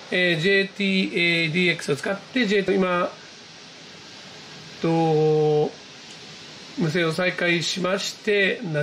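An amateur radio hobbyist with a high-pitched, creaky voice narrates his own video, giving viewers an excited, casual running commentary. He exclaims a lot and talks half to himself and to the screen. A handheld camera mic aimed at his computer screen captures it at home, rough, with some background noise.

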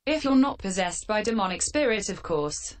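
Woman, metallic voice filter, deadpan, sarcastic, mid-pitched. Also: normal speed. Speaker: channel host answering fan questions. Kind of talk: scripted comedic Q&A.

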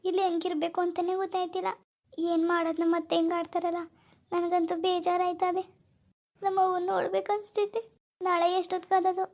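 Brief: a woman as a weepy young village bride, high and soft, little pitch movement. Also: little pitch movement, fast talker, vocal fry, no echo. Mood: sad. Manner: soft, whimpering, plaintive. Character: young newlywed bride, homesick and tearful.

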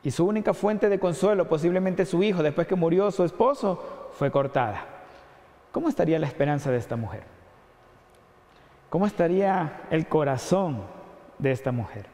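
A man with an Ecuadorian Spanish accent preaching a sermon as pastor, earnestly asking rhetorical questions and dropping his voice low on key points. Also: animated, moderate pace, long pauses, dark tone. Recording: long hall reverb.

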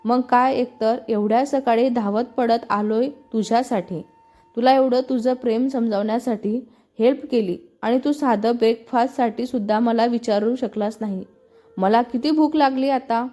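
A woman's voice: a little high, moderate pace, dark tone, soft background music, close to an everyday voice. A woman voicing a playful, teasing young man, the hero's best friend, in a storybook reading. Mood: mock-angry. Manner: teasing, mock-dramatic.

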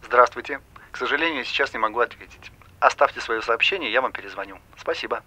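A man's voice: medium pitch, fast talker. An actor playing a man whose recorded answering machine greeting plays over the phone, polite and formal. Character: man's recorded voicemail greeting. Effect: answering machine greeting heard over a phone. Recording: noisy phone line with clicks.

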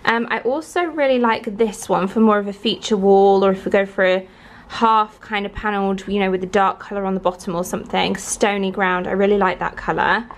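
A young woman vlogs from inside her house under renovation, chatting casually and enthusiastically about the project with plenty of "like" and "um." Her voice is mid-range, her intonation fairly even, and her pace fairly quick. The camera is held or set close in front of her.

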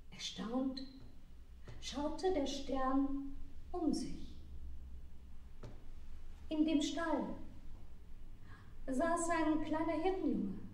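A woman storyteller telling a fairy tale in a deliberate, expressive way, with long pauses. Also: sits high. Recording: very echoey room, mic far off.

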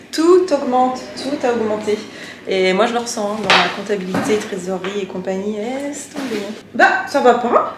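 A woman's voice: mid-range voice, background noise. Chatty French woman vlogging on the go. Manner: chatty, rambling, breaks off mid-sentence. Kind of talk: casual vlog. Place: moving between a car, a supermarket and home. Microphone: handheld camera.

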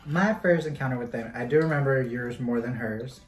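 A man hosting a casual mukbang chat with friends, relaxed and slangy, dropping in Spanish words. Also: mid-range voice, a little fast, soft background music. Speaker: host. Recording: roomy echo.

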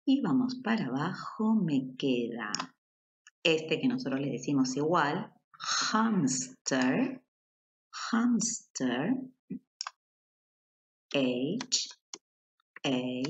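A woman's voice: deep voice, muffled recording, a little hiss or hum. A woman with a Rioplatense Spanish accent teaching a children's English lesson, patient and spelling words out letter by letter.

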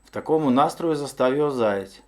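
Expressive male storyteller reading aloud. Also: medium pitch, fast talker. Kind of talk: audiobook folk tale narration.

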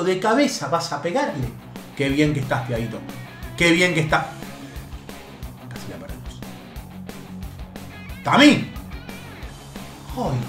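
Animated high-voiced Argentine gamer. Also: male voice. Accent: Argentine Spanish. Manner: animated, cheering players on, bursts of shouting. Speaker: gaming YouTuber. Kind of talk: excitable gameplay commentary, playing the coach. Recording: roomy home setup with faint background music.

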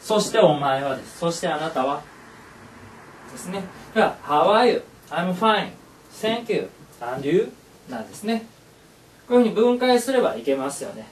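A man's voice: sits high, very animated, moderate pace, slight background noise. A male teacher who gives a classroom lesson, upbeat and encouraging, repeating phrases aloud. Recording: echoey room, voice from far off.

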